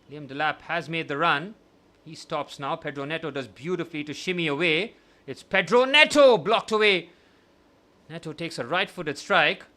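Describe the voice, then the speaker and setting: A young man hosting a live watchalong, giving partisan match commentary that swings from glum musing to excited shouting. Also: on the high side. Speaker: watchalong host.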